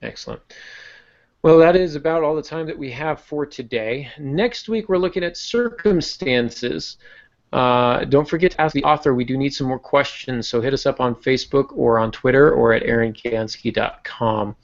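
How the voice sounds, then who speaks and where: A man hosts a podcast in a relaxed, easygoing manner with light jokes, his voice mid-range and moderately paced. The sound is muffled, lo-fi online-call audio.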